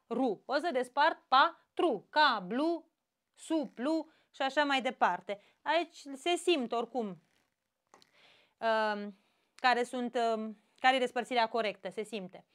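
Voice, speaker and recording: A woman's voice: high voice, expressive, a bit bright. A woman with a Romanian accent teaching an exam-prep grammar lesson, explaining step by step and checking in with short questions.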